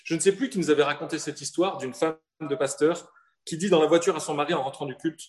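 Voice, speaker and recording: Earnest French preacher from the south. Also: male voice, a little high. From southern France. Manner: earnest, rhetorical questions, slows for emphasis. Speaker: pastor. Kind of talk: sermon.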